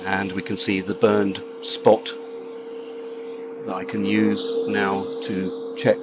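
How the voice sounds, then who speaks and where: A man with a low voice presents a practical tutorial step by step. His delivery is measured and matter-of-fact. Clear noise from a running machine sits behind his voice. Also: completely flat delivery. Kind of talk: step-by-step demonstration narration. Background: laser cutter machine noise.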